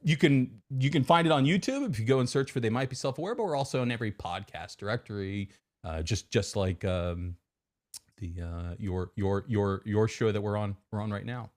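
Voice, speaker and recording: A man's voice: lowish voice, lively intonation, brisk. A man in his forties, a technology executive guest on a podcast, talking casually with many repeated words and restarts. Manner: many repeated words and restarts, quotes hype voices mockingly. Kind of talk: casual interview answers.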